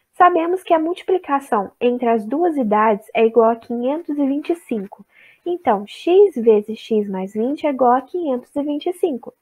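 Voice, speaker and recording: Young woman, from Brazil, high voice, teacher trainee, step-by-step math explanation. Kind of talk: recorded math lesson.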